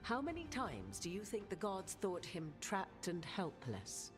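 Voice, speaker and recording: A woman's voice: medium pitch, huge pitch swings. An actress voicing a solemn, commanding woman who advises the Inquisitor in a fantasy game, over game music. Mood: grave. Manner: grave, measured, commanding. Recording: game audio with music underneath.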